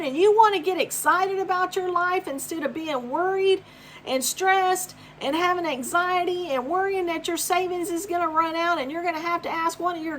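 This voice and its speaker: A woman's voice: very high-pitched, fairly bright tone, slight background noise. A woman, talking casually and encouragingly to camera in a home video. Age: 50s. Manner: upbeat, encouraging, repetitive. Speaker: vlogger. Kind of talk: casual promotional talk to camera.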